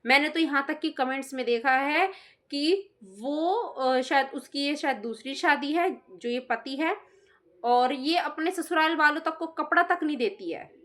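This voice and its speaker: A woman's voice: high-pitched, a little slow, a bit bright. A woman giving casual opinion commentary in a reaction video, indignant and scolding, often quoting others mockingly.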